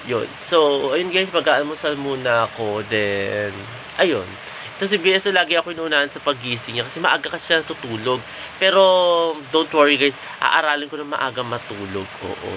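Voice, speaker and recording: A man's voice: medium pitch, lively intonation, normal speed. Chatty Filipino man vlogging at home. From Philippines. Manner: chatty, keeps addressing viewers as guys. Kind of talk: casual home vlog. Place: at home indoors. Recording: dull lo-fi audio with clear background noise.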